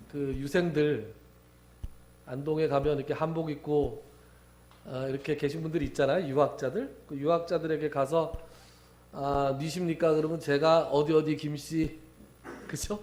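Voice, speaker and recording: Male pastor giving a sermon, voice a bit high, church hall echo all around, keeps asking the room questions then answering. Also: warm tone. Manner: storytelling, asks and answers own questions. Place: church sanctuary.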